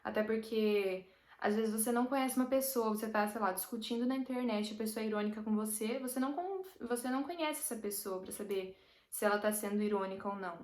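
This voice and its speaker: A woman's voice: on the high side, fast, a little mellow. A woman with a Brazilian Portuguese accent, teaching a casual language lesson and patiently explaining with everyday examples. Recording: roomy echo.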